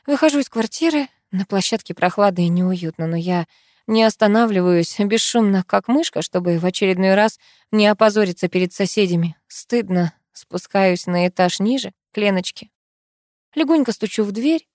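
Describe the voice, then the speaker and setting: A woman reads a first-person story in a tense, tearful voice with a pleading edge. Her pitch sits in the middle range, and the recording is dry and close with no echo. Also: moderate pace, a little mellow. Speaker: audiobook narrator.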